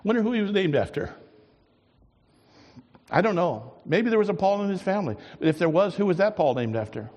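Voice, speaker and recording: A man preaching a sermon as a pastor, moving from quiet reflective asides to loud, emphatic declarations, and ending in prayer. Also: high-pitched, big pitch swings, fairly quick, long pauses, long reverb tail, dull audio. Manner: swings from soft musing to loud emphatic preaching.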